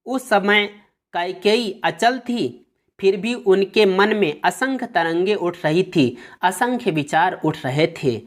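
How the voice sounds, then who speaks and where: A woman's voice: lowish voice, expressive, slow pace. A woman teacher who reads a verse aloud and then explains it line by line in plain words. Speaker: Hindi teacher.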